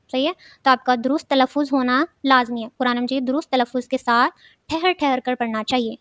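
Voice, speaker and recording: A woman's voice: sits high, a bit bright, dry recording. A woman teaching a children's religious studies lesson, asking questions and then answering them herself, often repeating key words.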